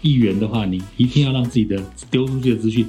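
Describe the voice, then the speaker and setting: A man's voice: medium pitch, fast talker, mellow, soft background music. A man hosting a podcast as a radio DJ, chatting casually and teasingly, spelling words out letter by letter. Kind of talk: casual chat.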